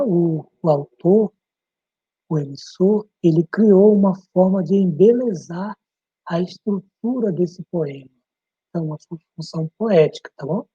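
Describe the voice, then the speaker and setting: A man's voice: high-pitched, warm tone, slightly rough, no echo, muffled recording. A male teacher giving a patient online class lecture, often checking in with his students.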